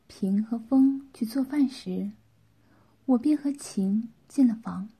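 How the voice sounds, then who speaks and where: A woman reads a story as whispered role-play narration. Her voice is breathy and hushed. She is very slow and intimate. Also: fairly high pitch. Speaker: story reader.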